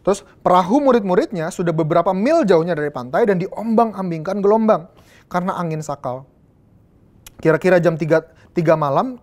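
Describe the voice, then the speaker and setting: A woman's voice: fairly low pitch, darkish tone. A young adult woman from Indonesia, preaching a youth sermon in a casual, slangy way with English phrases mixed in.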